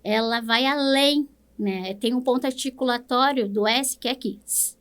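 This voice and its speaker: Speaking at normal speed in a slightly high, smooth, fairly bright voice, a woman with a Brazilian Portuguese accent gives an interview as a speech therapist. She explains patiently and keeps checking in by closing phrases with "né?".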